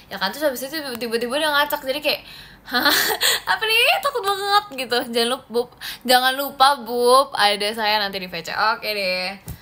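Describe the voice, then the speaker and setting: A woman's voice: sits high, bright, forceful tone. A young woman from Indonesia hosting a casual phone livestream, chatting with viewers, answering comments and laughing often. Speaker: idol livestream host.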